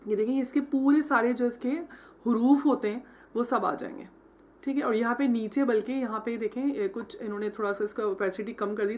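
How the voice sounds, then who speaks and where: A design tutor speaks in a medium-pitched, slightly mellow voice during a screen-recorded software tutorial. Step by step she demonstrates logo design, blending English words into her Hindi and checking in with "theek hai" each time.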